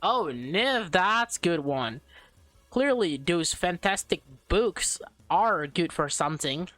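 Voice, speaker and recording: Speaking on the low side and at a slow pace, a woman voices a visual novel for a let's play with lively expression, casual asides and the odd verbal slip. There's no room sound, just faint music underneath.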